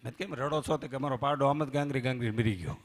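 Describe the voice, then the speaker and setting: A man doing live folk comedy, telling jokes and anecdotes on stage and swinging between loud bursts and hushed asides. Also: medium pitch, fast talker. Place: live stage before a temple audience.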